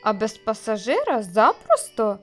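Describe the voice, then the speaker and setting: A woman's voice: on the high side, huge pitch swings, measured pace, fairly bright tone, faint music behind, exaggerated voice. A woman voicing a fretful little hare. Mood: worried. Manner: worried. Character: anxious, forgetful male hare.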